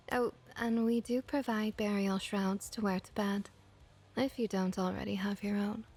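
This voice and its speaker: Welcoming and helpful, this woman voices a kindly vampire innkeeper for an ASMR roleplay. She speaks softly in a mid-range voice with a breathy edge, staying gentle, reassuring, and frequently whispering.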